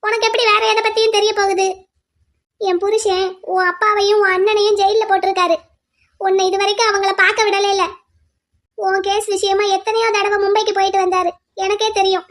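A woman voicing a defiant young wife held captive in a cartoon drama, who calmly pleads and reasons with her captor. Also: extremely high pitch. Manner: calm, pleading then lecturing at length.

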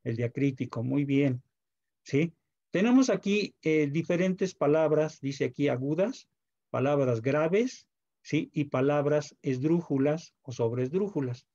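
Gravelly Mexican teacher on a dull call. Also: male voice, a little high, a little slow, mellow. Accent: Mexican Spanish. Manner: patient, asks checking questions. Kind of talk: online class lecture. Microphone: video call. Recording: dull video call audio.

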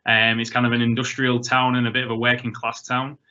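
A man's voice: mid-range voice, completely flat delivery, brisk, bright, forceful tone. A man from England, introducing himself as a professor on a panel over a video call, with a few hesitant fillers. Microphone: video call webcam. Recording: muffled video-call audio.

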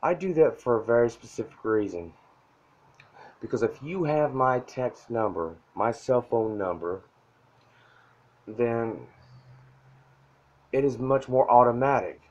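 A soft-spoken self-help vlogger stands at a whiteboard in an indoor room, giving a blunt, profane, pushy pep talk straight to the camera that urges people to reach out for help. His middle-pitched voice is expressive and unhurried, with long pauses. The dull, lo-fi sound resembles a phone camera mic in a room.

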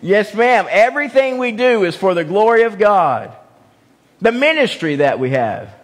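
A man's voice: high voice, big pitch swings, moderate pace. A man preaching an evening sermon, emphatic, repeating key phrases and putting questions to the congregation. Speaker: pastor. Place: church sanctuary. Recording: long church reverb.

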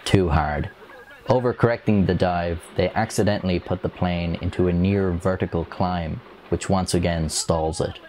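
A young man giving a measured, grave scripted narration of an air disaster, speaking into a lapel mic in a dark studio. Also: low-pitched, noisy background. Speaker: documentary narrator.

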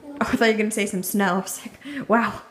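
A woman's voice: medium pitch, little pitch movement, very fast, crowd noise. A young woman vlogging at home, chatty and upbeat, rambling with fillers. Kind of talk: casual vlog chat. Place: at home, indoors.

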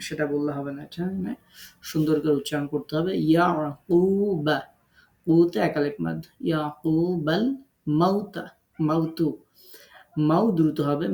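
A man's voice: fairly high pitch, gravelly, dark tone, echoey room. A man from Bangladesh teaching an online tajweed lesson as a Quran recitation teacher. He breaks words into syllables and draws out the recited sounds.

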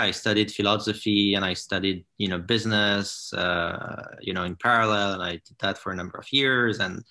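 Man from morocco, low pitch, bright forceful tone, many fillers, video call from living room. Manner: hesitant, many fillers and restarts. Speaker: founder and CEO, guest. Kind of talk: casual interview on a video call. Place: home living room with large window. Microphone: laptop or webcam on a video call.

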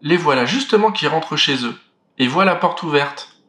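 Male storyteller, high-ish voice, clear expressive reading for kids, roomy. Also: normal speed. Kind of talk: storybook read-aloud for children. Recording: roomy echo.

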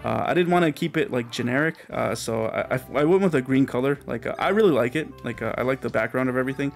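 A man's voice: medium pitch, fast, vocal fry, faint music behind. Rambling, laughing let's play guy. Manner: rambling, filler-heavy, laughs often. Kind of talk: casual gameplay commentary.

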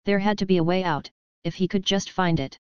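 A woman with a low, very smooth voice reads a story aloud at a steady pace. The recording is dry and close, with a slightly dull, muffled tone. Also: a little fast, no room sound. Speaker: narrator. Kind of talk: scripted narration.

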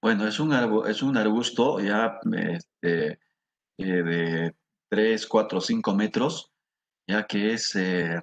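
A middle-aged man with a Peruvian Spanish accent teaching a class, slowly repeating words for students to echo. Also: lowish voice. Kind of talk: classroom lesson.

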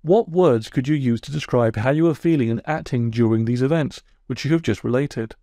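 A calm, patient heron who keeps asking probing questions, speaking evenly and with a gravelly texture as a man reads him. The sound is dry and close. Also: mid-range voice, fairly quick, dry recording, lightly acted.

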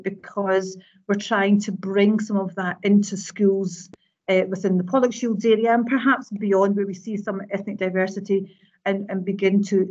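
A woman's voice: mid-range voice, darkish tone, muffled recording. A woman from Scotland, a teacher educator speaking earnestly in a webinar panel from home. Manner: earnest, laughs easily, repeats words when thinking. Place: home room on a video call.

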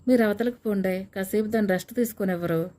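A woman's voice: mid-range voice, fast, warm tone, close to an everyday voice. A woman reading the lines of an old grandmother scolding the children.

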